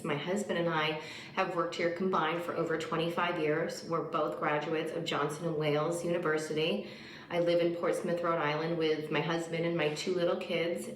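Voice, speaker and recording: A woman giving an informal, sincere personal testimonial as a business owner, speaking somewhat hesitantly. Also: low voice. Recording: echoey, noisy video played at an event.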